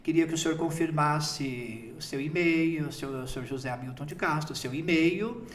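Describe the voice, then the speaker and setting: Man in his fifties, priest, chatty storyteller, slightly high voice, echoey room. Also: normal speed, a little hiss or hum. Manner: chatty storytelling, often breaking into laughter. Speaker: priest named bishop. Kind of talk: recounting a personal story in an interview.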